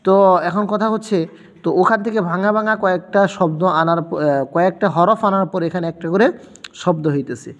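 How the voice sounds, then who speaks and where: A man's voice: sits high, a little fast, in a large hall. A man teaching a Quran reading lesson, patiently spelling out letter sounds one by one and repeating them.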